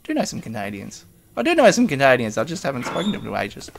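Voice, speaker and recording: A man's voice: mid-range voice, huge pitch swings, fast talker, vocal fry, noisy background. A man giving casual, rambling commentary while playing a survival game, muttering item names and laughing to himself. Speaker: gaming video host.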